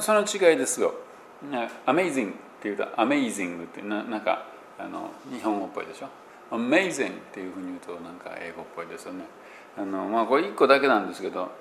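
A man with a Kansai Japanese accent explains English pronunciation casually, stopping often on fillers as he works through examples. His voice sits fairly low but moves lively up and down. The room around him echoes, with a faint hiss underneath. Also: vocal fry.

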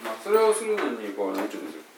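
A man's voice: lowish voice, huge pitch swings, very fast, noisy background. A man with a Kansai accent giving an informal pronunciation lesson, explaining by saying example phrases aloud. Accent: Kansai Japanese. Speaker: English pronunciation teacher. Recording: roomy and distant from the mic.

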